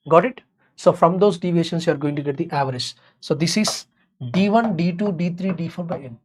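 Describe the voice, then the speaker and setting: Pitched fairly low, this Indian-accented woman teaches an exam revision class, switching between English and Hindi. She goes over important phrases more than once and makes sure students are following along.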